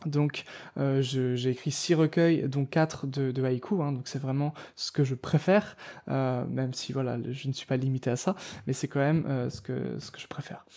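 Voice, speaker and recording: A man's voice: mid-range voice, fairly even intonation, moderate pace, vocal fry, mellow. A man giving a casual spoken lesson on writing poetry, talking straight to the viewer with many fillers and restarts. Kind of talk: casual spoken tutorial to camera.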